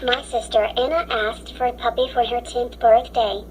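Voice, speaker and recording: A woman's voice: fairly high pitch, fairly even intonation, moderate pace, a little hiss or hum. A synthetic woman's voice with a robotic text-to-speech sound, reading children's stories aloud in a stiff, mechanical way. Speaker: story app narrator.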